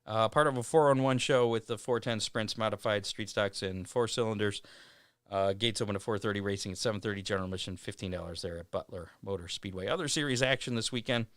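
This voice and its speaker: A man hosting a racing show, reading event schedules in a casual way with many "uh" pauses. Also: fairly low pitch, a bit bright, no echo. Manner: reads schedules with frequent "uh" pauses. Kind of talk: casual racing news rundown.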